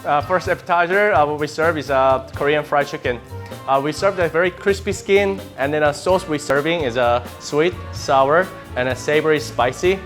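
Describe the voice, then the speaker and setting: A man chef describing his appetizer hesitantly, with many filler pauses. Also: fairly high pitch, fairly bright tone, faint music behind.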